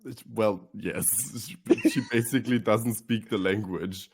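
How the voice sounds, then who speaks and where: A man's voice: on the low side, measured pace, a little mellow, breathy edge. Playful Austrian man on a podcast. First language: German. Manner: playful, breaks into laughter, acts out quotes. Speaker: guest. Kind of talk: casual podcast chat.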